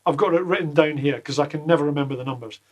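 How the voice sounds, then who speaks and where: A man teaching guitar exercises in a casual lesson from a small home studio, full of deadpan jokes between the explanations. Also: a little high, racing. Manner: jokey, deadpan asides. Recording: loud guitar playing behind the voice.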